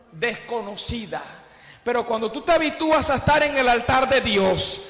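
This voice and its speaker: A male preacher delivers a sermon with a high, bright, forceful voice. He keeps punctuating his phrases with hallelujahs and direct calls to his listeners. His voice rings out with the long reverb of a church hall. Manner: impassioned, fills phrases with "aleluya" and "hermano".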